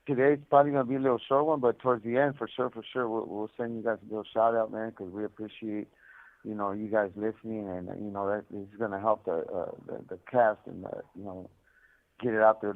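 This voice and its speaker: Calling from prison, a man with a lowish voice speaks quickly in a level tone, with no echo, over a tinny, band-limited phone line. He tells his story casually and without a script, repeating himself and scattering "man" and "you know" throughout.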